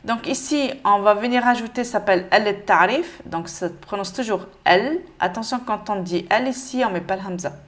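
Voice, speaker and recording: Une femme qui donne un cours de lecture avec patience, en répétant lentement chaque mot. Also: female voice, mid-range voice. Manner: patient, repeats each word slowly. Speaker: Arabic reading teacher. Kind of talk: step-by-step lesson.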